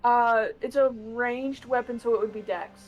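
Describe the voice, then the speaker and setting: A slightly high-voiced woman takes part in an online tabletop game, working out her moves aloud. She often hesitates and stops to restart. Soft music sits behind her. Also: steady tone, unhurried, poor audio. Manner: hesitant, thinks aloud with fillers. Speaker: player. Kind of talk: casual tabletop play.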